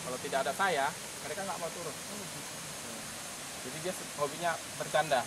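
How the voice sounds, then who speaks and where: A man's voice: a little high, a little fast, very noisy. A man working as a wildlife park guide, casually explaining outdoors in a forest park and calling apes down from the trees. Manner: explains casually, then shouts loud calls to the apes.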